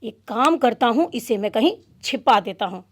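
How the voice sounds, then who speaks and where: A woman voicing a young boy who loves food and frets about hiding it, in an anxious, hurried manner. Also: fairly high pitch, animated. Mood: flustered. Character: young boy hero, fond of food, fretful.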